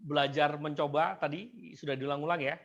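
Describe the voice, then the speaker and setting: A woman presenting a seminar to teachers, often addressing the audience and modeling simple English phrases slowly. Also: deep voice, steady tone, highs cut off, a crowd in the background.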